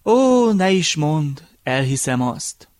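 A man's voice: fairly high pitch, big pitch swings, darkish tone, pitched above the performer's own voice. A man voicing a thin, grey-haired old man who is exhausted and speaks in a weary, faltering way.

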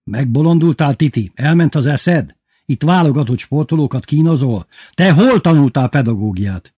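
Casting: man as a gruff old coach tearing into a colleague, raised, husky voice. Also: fairly high pitch, lively intonation, dark tone, no echo, clean studio sound, voice pushed up. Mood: scolding. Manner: scolding, brusque. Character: older man, sharp-tongued senior coach scolding a colleague.

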